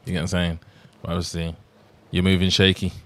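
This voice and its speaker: A man's voice: low-pitched, completely flat delivery, fast, over a noisy crowd. A man hosting casual banter, teasing guests in slang. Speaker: podcast host.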